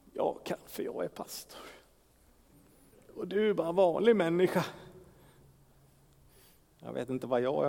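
A man's voice: on the high side, a little mellow. A man preaching a sermon as pastor, asking rhetorical questions and sometimes dropping into a whisper. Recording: long reverb of a large hall.

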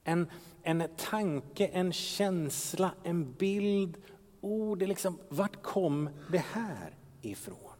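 A man's voice: high voice, lively intonation, a little mellow. A man preaching a sermon as pastor, asking rhetorical questions and sometimes dropping into a whisper. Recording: long reverb of a large hall.

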